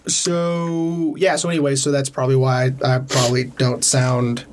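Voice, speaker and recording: A man's voice: medium pitch, flat delivery, moderate pace. A man co-hosting a casual film podcast, talking in an easygoing, conversational way with loose, hesitant phrasing. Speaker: podcast co-host.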